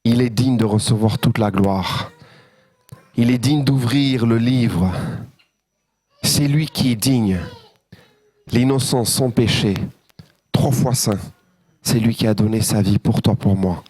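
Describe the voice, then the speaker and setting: A man's voice: mid-range voice, takes it slowly, long pauses, a little mellow, no echo. A man preaching a sermon as pastor, joyful and engaging his congregation with questions. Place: church.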